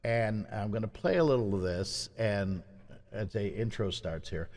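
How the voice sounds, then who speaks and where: A man's voice: lowish voice, a little slow, a little mellow. A man co-hosting a podcast, chatting casually about movie soundtracks and rattling off songs and their writers. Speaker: podcast co-host.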